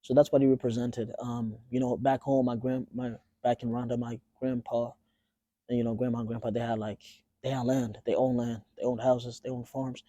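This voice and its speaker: A young man from Tanzania talks as an interview guest, easygoing and halting, often restarting his sentences. His voice is dark and mellow at an average pitch. The sound is dry and close. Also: dry recording, muffled recording. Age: 20s. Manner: relaxed, halting, with many fillers and restarts. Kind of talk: casual interview.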